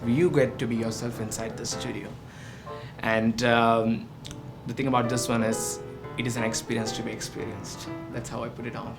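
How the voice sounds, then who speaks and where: A friendly man talks easily about his photo studio, pausing on "uh"s. Clear background music runs under his mid-pitched voice. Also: little pitch movement. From India. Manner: friendly, with frequent filler "uh". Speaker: ship photographer.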